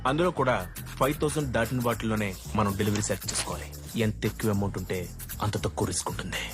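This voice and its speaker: A man's voice: on the low side, racing, close to an everyday voice. An actor as a glib, scheming delivery man. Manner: glib, scheming, explains his tricks. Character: sly young male delivery boy skimming tips. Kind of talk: film comedy acting. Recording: film soundtrack with music.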